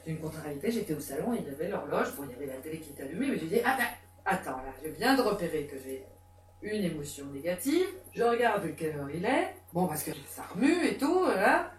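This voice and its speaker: A woman psychotherapist giving a lively, conversational talk with many fillers and restarts. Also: lowish voice, fast talker, slight background noise. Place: conference room. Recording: echoey room, mic far off.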